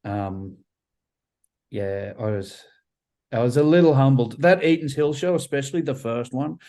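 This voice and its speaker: A man chats on a video call in a relaxed, mellow voice. He talks with eager enthusiasm, repeating himself and leaning on fillers as he goes. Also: medium pitch, normal speed, low-quality recording. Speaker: band member guest. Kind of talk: casual interview chat over video call.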